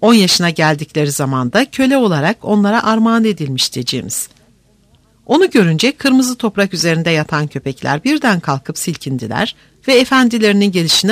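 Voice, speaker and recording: An audiobook narrator reading a classic novel in a measured, expressive storytelling manner. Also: mid-range voice, no echo.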